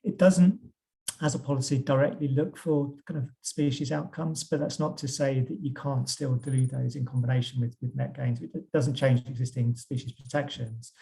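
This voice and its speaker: A man losing his voice, hoarsely and hesitantly explaining policy over a video call. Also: medium pitch, fairly even intonation, normal speed, dark tone. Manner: hesitant, repeats words. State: losing his voice, clearing throat. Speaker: government policy expert.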